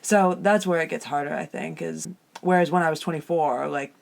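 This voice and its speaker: Female podcast co-host, Canadian, slightly husky, casual conversation recorded inside a small trailer. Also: low voice, steady tone, a little fast. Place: inside a small caravan with soft furnishings.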